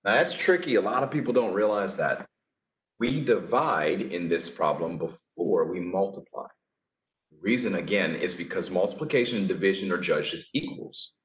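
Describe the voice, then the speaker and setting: A man's voice: sits low, lively intonation, moderate pace. A man teaching a casual math lesson, talking through each step with chatty, offhand asides. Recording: echoey room.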